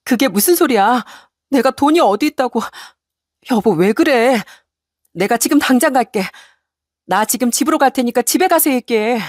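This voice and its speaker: A woman voicing a frantic young wife who turns from shrill indignation to desperate pleading. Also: animated, normal speed, no room sound, studio quality. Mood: frantic, indignant. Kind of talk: story radio reading.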